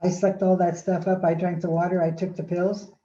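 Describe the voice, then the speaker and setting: An older woman gives a motivational talk, her mellow, slightly low voice moving between storytelling and acted-out inner voices, with sighs and restarts. The recording is dull and echoes in a roomy space. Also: flat delivery, fairly quick. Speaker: speaker giving a talk on aging well.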